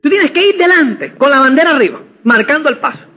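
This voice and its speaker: A man's voice: extremely high pitch, animated, brisk, pushed and bright. A man giving a motivational seminar talk, emphatic and often checking that listeners understand, recorded with dull lo-fi sound. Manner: emphatic, keeps asking "¿me entiendes?". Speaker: motivational speaker. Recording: dull lo-fi audio.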